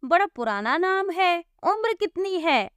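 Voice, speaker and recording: A woman's voice: very high voice, sing-song, unhurried, a bit bright, no echo, clean studio sound, voice pushed up, exaggerated voice. A woman voicing a bossy, scolding police constable. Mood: exasperated. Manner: scolding, exasperated. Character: impatient, bossy village police constable, man. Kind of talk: storybook voice acting.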